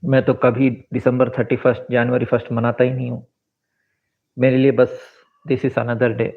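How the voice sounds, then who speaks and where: A man's voice: mid-range voice, level tone, gravelly. Man in his forties on a tinny line. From India. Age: 40s. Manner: rambling, switches into English phrases, fills pauses with asides. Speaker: vlogger and author. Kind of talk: reflective personal monologue. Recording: tinny phone-like sound.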